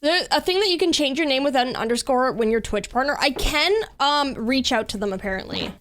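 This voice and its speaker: In casual livestream chat while gaming at home, a woman rambles on to viewers with lots of "like" and "literally." Her voice sits high, fairly quick and fairly bright.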